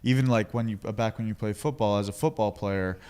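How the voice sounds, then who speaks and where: A man's voice: lowish voice, fairly even intonation, quick pace, darkish tone, smooth. A man co-hosting a podcast as a coach, talking candidly with many fillers and steering the questions. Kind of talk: casual chat.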